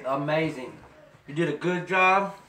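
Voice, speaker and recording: A man co-hosting a casual show, joking and reading ads at a rapid clip. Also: on the high side, pushed and bright. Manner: rapid-fire, jokey. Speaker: co-host. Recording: echoey room.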